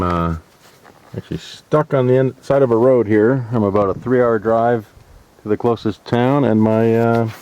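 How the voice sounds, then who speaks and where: A man filming himself as a wildlife photographer, talking in a relaxed, rambling way with dry humor while outdoors by a roadside. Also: fairly low pitch. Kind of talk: casual vlog narration. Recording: outdoor noise in background.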